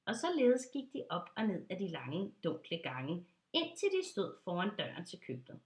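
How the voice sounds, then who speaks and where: A woman calmly reading a children's storybook aloud to young listeners. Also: fairly low pitch. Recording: roomy echo.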